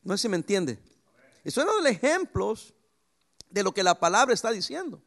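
Male pastor, high gravelly voice, very lively swings in pitch, preaching with homely stories. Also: normal speed. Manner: lively preaching with sudden pitch jumps and anecdotes. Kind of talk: sermon.

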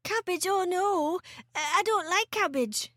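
A woman's voice: very high-pitched, unhurried, a bit bright, no room sound, studio quality, pitched above the performer's own voice. A woman voicing an eight-year-old boy who is timid, pleads and stammers. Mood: pleading.

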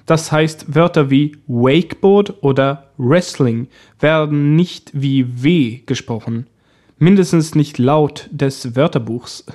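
Male lesson narrator: unhurried, mellow, clear explainer. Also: fairly high pitch. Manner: slow, calm, clear explaining. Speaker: language teacher. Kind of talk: scripted language lesson narration.

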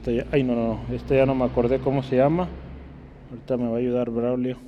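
A man teaching a casual Bible class as a pastor, chatty and checking in with his listeners, stretching out key words slowly to stress them. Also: mid-range voice, fairly even intonation, lo-fi sound, a little hiss or hum. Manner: chatty, keeps checking in with the room. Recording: long reverb in a hall.

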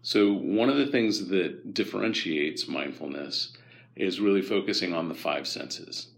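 A man from the United States, a guest expert, calmly and gently explaining mindfulness practice in an interview. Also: low-pitched, unhurried, gravelly. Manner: calm, guiding, gently instructive.

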